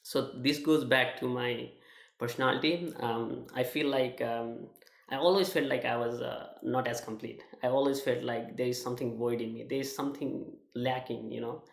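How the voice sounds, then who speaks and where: A young man from Nepal with a Nepali accent, sharing a personal testimonial in a halting way, with many fillers and restarts. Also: mid-range voice, fairly even intonation, gravelly, echoey room. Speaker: student sharing his experience.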